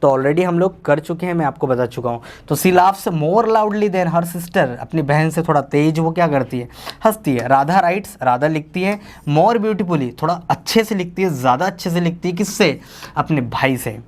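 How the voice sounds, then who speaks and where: A man's voice: fairly high pitch, lively intonation. Man teaching English grammar in Hindi. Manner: explains slowly, repeats and translates each example; calls viewers "bhaiya".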